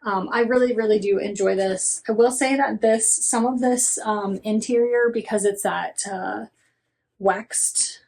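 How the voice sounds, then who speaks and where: A woman vlogger chatting casually about a handbag, rambling with lots of ums and self-corrections. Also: medium pitch. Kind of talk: casual chat.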